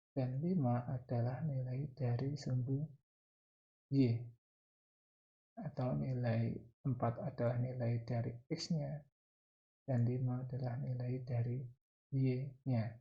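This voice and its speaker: Teaching mathematics one step at a time, a man with an Indonesian accent dictates in short phrases and repeats the key terms. He speaks slowly in a steady, medium-pitched voice, pausing often, on a lo-fi recording.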